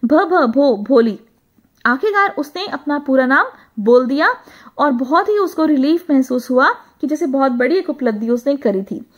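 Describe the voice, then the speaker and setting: High-voiced woman teacher retelling a story. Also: lively intonation. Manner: reads English lines slowly, then retells them in Hindi; frequent hesitation fillers. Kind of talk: reading a story aloud and explaining it.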